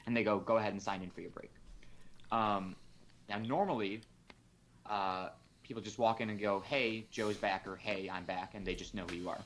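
A man's voice: on the low side, normal speed, slight background noise. Swearing storyteller man on a podcast. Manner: animated storyteller who swears freely and acts out quotes. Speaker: podcast co-host. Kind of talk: casual chat, telling a work story.

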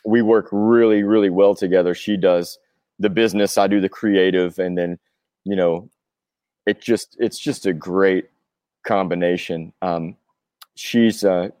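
Male, forties, lowish pitch, earnest, reflective, rambling casual interview answers, dry sound. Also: fairly even intonation, a little slow, a little mellow, dry recording. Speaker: interview guest, touring rock drummer. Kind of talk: casual chat.

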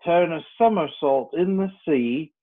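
A man's voice: on the high side, expressive, moderate pace, pitched above the performer's own voice. A melancholy storybook turtle acted out by a man speaks in a raised voice. He is earnest and emphatic, easily stirred. The sound is thin and phone-like. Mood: excited. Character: melancholy male Mock Turtle, wistful and excitable. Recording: narrow tinny phone-like sound.

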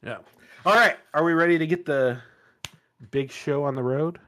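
A man's voice: a little high, moderate pace, a bit bright, no echo. A middle-aged man co-hosting a casual chat, telling rambling stories and laughing often. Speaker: podcast co-host.

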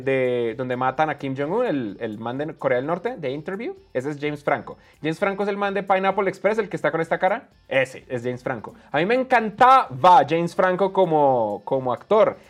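A man hosting a podcast, giving blunt and animated opinions on technology and often swearing. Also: on the high side. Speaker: podcast host. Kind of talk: opinionated tech commentary.

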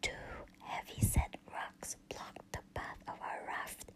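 A woman telling a first-person story in a slow, unvoiced whisper, in the style of a whispered storytelling recording. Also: low-quality recording.

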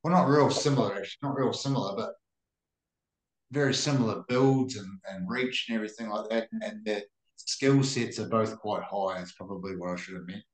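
A man's voice: on the low side, a little fast, echoey room, low-quality recording. A man with a broad New Zealand accent chatting casually about combat sports as a podcast co-host, in a blokey, sweary way. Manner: blokey, sweary, ends remarks with "eh".

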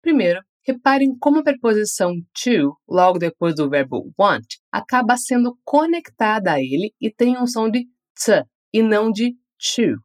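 A woman with a Brazilian Portuguese accent teaching an English lesson, saying model phrases slowly for learners to repeat and praising them after each drill. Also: mid-range voice, very animated.

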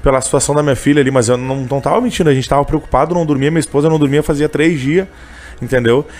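A man's voice: a little high, rapid-fire, a little mellow. A man telling a personal story in a casual interview, emotional and full of fillers. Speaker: interviewee, candy seller who sings on trains.

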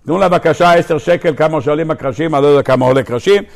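A man, a rabbi, gives a Torah lecture to his congregation, animated, asking questions and acting out the quotes. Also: a little high, gravelly. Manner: animated storyteller who acts out quotes and asks the audience questions. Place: synagogue lecture hall.

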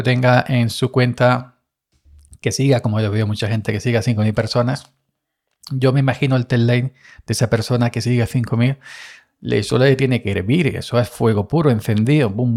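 This Andalusian man from Spain rambles through a casual solo podcast monologue, self-deprecating and full of fillers and restarts. His mid-range voice is darkish with vocal fry, fairly even in intonation and a little fast.

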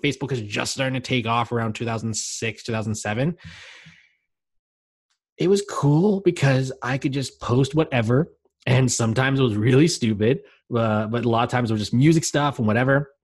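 A man's voice: medium pitch, no echo, clean studio sound. Chatty man in his late twenties. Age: late 20s. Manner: rambling, lots of "like" fillers, laughs easily. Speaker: podcast co-host. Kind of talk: casual chat.

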